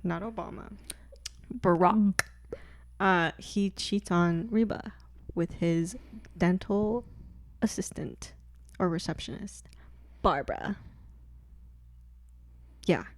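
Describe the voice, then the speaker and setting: A young woman co-hosts a casual podcast, taking her time as she tells stories. Her delivery is drawn-out and relaxed, full of slang and little laughs. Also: lowish voice. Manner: slow, giggly storytelling with slang. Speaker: podcast co-host. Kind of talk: casual chat.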